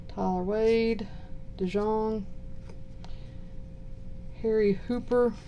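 A woman with a Southern US accent giving low-key, mumbled casual commentary while unboxing cards. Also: steady tone, extremely slow, dull audio, slight background noise. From southern United States. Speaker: card box-break host. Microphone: purchased microphone.

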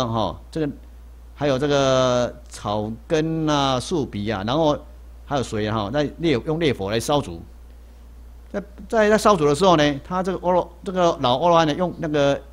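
Monk telling a sermon story. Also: male voice, mid-range voice. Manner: repetitive, asks rhetorical questions then answers them. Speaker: Buddhist monk lecturing on a sutra. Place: lecture hall.

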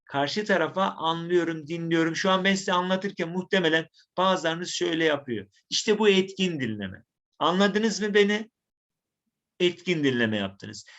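A man teaching a recorded online lesson, who says his voice is rough and acts out examples to his students. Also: fairly high pitch, normal speed, fairly bright tone. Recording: dull lo-fi sound.

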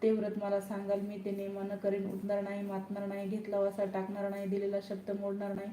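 A woman's voice: medium pitch, completely flat delivery, a little fast, noisy background, close to an everyday voice. A woman voicing a worried young palace maid, anxious and pleading. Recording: roomy echo.

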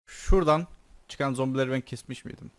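A man's voice: mid-range voice, a little fast, dry recording. A young man giving casual, joking commentary while playing a game, chatting to himself and swearing playfully. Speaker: gaming YouTuber. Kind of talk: casual Let's Play commentary.

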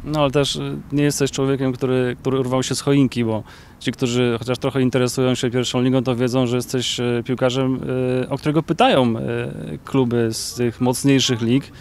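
A man's voice: mid-range voice, little pitch movement, brisk, a little mellow. Guy reporter asking long questions outside, average voice, some ums, light outdoor hiss. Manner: long questions with filler sounds. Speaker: sports reporter. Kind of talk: interview questions. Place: outdoors by a football pitch. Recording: faint outdoor noise.

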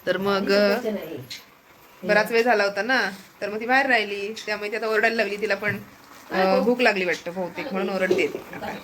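A woman's voice: mid-range voice, fairly even intonation, brisk, a bit bright, slight background noise. A woman chatting to her viewers in a casual home vlog, filmed on a phone at home. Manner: chatty, addresses viewers as friends. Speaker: family vlogger.

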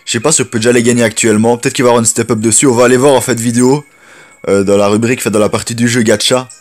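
A man's voice: mid-range voice, fairly even intonation, very fast. A man hosting a gameplay video, rambling and chatty in casual commentary. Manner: rambling, chatty, frequent restarts. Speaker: gaming video host.

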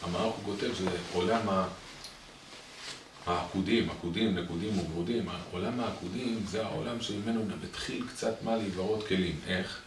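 A man teaching a Torah lesson as rabbi to a small group, animated and repetitive, often tossing questions back to his listeners. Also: deep voice. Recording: echoey room, far from the mic, noisy.

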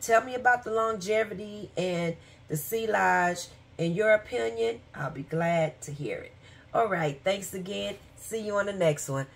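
A woman's voice: mid-range voice, measured pace, gravelly. A woman vlogger talking casually and rambling with fillers and asides, who has the hiccups. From Michigan, USA. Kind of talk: casual chat.

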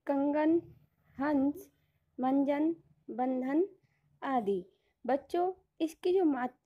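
Slow, high-voiced woman teacher. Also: warm tone. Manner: slow patient explaining, often addressing children. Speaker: primary school teacher. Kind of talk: online class lesson.

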